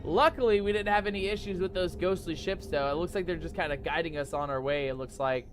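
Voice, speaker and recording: A man with a slightly high voice talks fast while hosting a gaming video, giving excited, playful and theatrical commentary sprinkled with pirate slang. Loud game music plays behind him.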